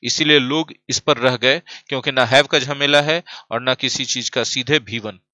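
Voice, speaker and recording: Young male tutor, bright forceful voice, playful and teasing, quizzes the class. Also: medium pitch, steady tone, moderate pace, no room sound. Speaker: English grammar teacher. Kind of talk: online class, joking with students. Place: classroom studio, standing at a desk.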